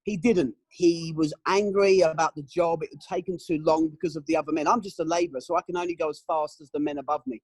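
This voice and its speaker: A middle-aged man giving candid, emotional testimony in an interview, often pausing with "um" and "you know". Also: a little high, fairly even intonation, breathy edge, dry recording, poor audio. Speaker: interview guest.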